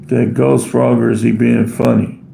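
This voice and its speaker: A man's voice: mid-range voice, flat delivery, moderate pace, vocal fry, warm tone, roomy sound, slight background noise. An American man hosting a live stream, rambling casually as he answers viewer comments off the cuff. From United States. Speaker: livestream host reading chat.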